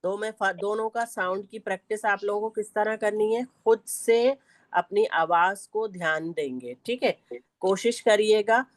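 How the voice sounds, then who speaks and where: A woman leads an online class in recitation, patiently saying each sound again and again for her students. She speaks slowly and carefully, at a middle pitch. Her voice is dry and close, with no room sound. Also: no room sound. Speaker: Tajweed teacher. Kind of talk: online Quran recitation lesson. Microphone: online class audio.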